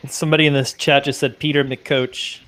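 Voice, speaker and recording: A man's voice: fairly high pitch, level tone, moderate pace, fairly bright tone. Joking man co-hosting. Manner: joking, laughs often. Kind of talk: casual chat.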